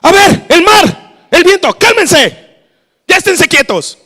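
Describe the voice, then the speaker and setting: A man voicing Jesus as he loudly commands the wind and waves to calm, in a reverberant hall. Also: very high-pitched, slow, pitched above the performer's own voice, exaggerated voice. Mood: commanding. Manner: loud commanding rebuke.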